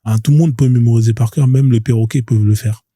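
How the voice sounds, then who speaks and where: A man's voice: mid-range voice, fairly even intonation, fast talker, mellow, no echo, studio quality. A man hosting a live stream, talking in a mocking, confrontational way, repeating his points over and over. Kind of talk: provocative live stream monologue.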